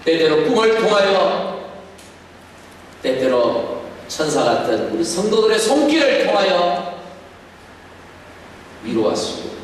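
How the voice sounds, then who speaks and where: Male pastor preaching in an echoing hall. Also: sits high. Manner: earnest, gentle storytelling with sudden emphatic rises. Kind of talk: sermon. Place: church sanctuary. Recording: echoey hall, distant mic, faint noise.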